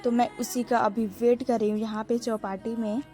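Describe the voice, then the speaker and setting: A woman's voice: fairly high pitch, little pitch movement, normal speed, dark tone, slightly rough, soft background music. A young woman narrating her vlog in a casual, chatty way and talking to her viewers as friends. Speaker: vlogger.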